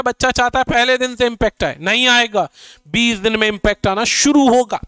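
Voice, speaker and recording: A man's voice: high voice, fairly bright tone, smooth, no room sound. A male teacher giving an exam-prep lecture, talking straight to his students and acting out their doubts. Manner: addresses students directly, acts out their doubts in quotes.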